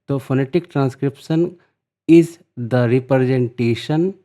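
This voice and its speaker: Mellow-voiced man teaching a lesson. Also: medium pitch. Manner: slow dictation-style reading of English definitions; casual teacher talk with filler "a" and restarts. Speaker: teacher and channel host. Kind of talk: explainer lesson in Hindi-English mix.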